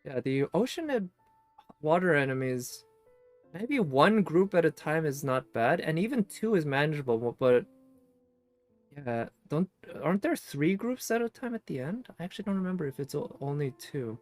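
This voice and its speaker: A man's voice: on the high side, big pitch swings, moderate pace, darkish tone, faint music behind. Man musing through gameplay commentary. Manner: musing, analytical. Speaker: streamer.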